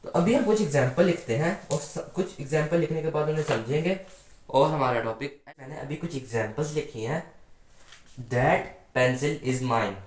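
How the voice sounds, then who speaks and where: Speaking at a medium pitch with a slightly mellow tone, a man patiently walks his class through a grammar lesson in an echoey room. He frequently poses rhetorical questions to the students and answers them himself.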